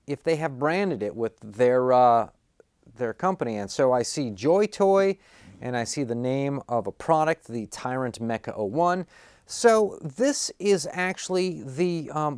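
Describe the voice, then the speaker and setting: A man's voice: fairly high pitch, no echo. A man talking casually to camera, rambling with lots of fillers as he explains and unboxes a package. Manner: relaxed, rambling with many fillers. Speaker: toy collector vlogger.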